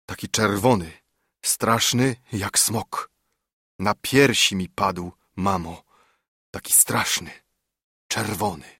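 A man's voice: fairly low pitch, very animated, a little slow, no room sound, studio quality, heavily acted. A man doing a shaken young village lad. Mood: frightened. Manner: quiet, faltering. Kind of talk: audiobook reading.

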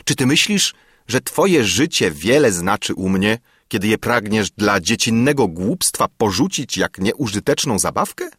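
A man's voice: mid-range voice, expressive, measured pace, slightly rough, no echo, studio quality, voice pushed up. A man reading aloud, voicing a stern, sarcastic old grandfather who scolds his young cousin.

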